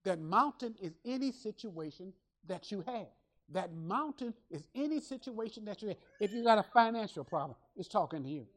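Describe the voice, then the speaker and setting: A woman's voice: mid-range voice, animated, normal speed. Woman preacher, emphatic, repetitive, call-and-response sermon.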